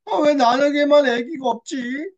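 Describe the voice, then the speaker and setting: A woman's voice: medium pitch, big pitch swings, moderate pace, lo-fi sound. A woman acting a childless young wife who keeps asking why she alone has no child. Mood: plaintive. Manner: whining, plaintive questioning.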